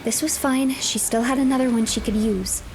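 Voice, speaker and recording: Against a noisy background, a woman streamer tells her playthrough as a third-person tale in a hushed, dramatic, creaky storyteller's voice. She sits on the high side, speaking at normal speed with fairly even intonation.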